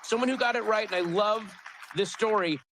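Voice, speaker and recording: A man's voice: high-pitched, fairly quick, fairly bright tone, a little hiss or hum. A man hosting a television quiz show, reading questions and teasing contestants playfully. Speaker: game show host.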